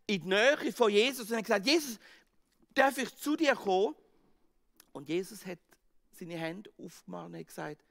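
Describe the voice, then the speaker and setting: A male pastor with a Swiss German accent preaching a sermon, acting out the scene with sudden swings from loud outbursts to hushed words. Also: on the high side, gravelly. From Switzerland. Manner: dramatic, acts out the disciples' panic and Jesus' words, swings from loud to hushed.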